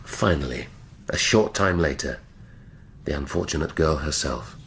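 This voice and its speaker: A man playing a middle-aged English detective inspector in a radio drama, speaking in a measured, dry, deliberate way. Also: extremely low pitch, animated, fairly bright tone, husky, heavily acted. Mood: grave, pondering. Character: brooding, cerebral English police detective inspector. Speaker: actor.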